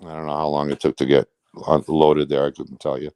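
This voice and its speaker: Speaking briskly in a level, darkish tone, a truck driver with a very low, clear and smooth voice is an interview guest telling stories from his own life. He's blunt and rambling, colloquial and sometimes swearing. The recording is close and dry, with no room sound.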